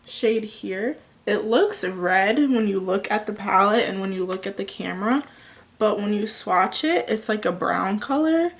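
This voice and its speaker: A young woman at home, chatting through a makeup tutorial in a casual, unhurried way with frequent ums. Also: medium pitch. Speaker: beauty vlogger.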